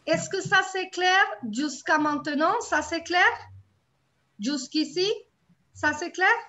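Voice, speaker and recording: Patient high-voiced woman teaching French. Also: sharp tone. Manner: patient, repeats words slowly and checks for understanding. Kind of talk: live online class teaching grammar.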